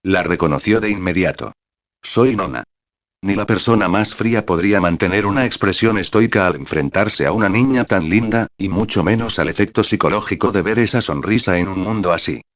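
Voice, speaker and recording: A man narrating a story in an even, steady reading voice. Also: low-pitched, a little fast, few pauses, no echo, dull audio.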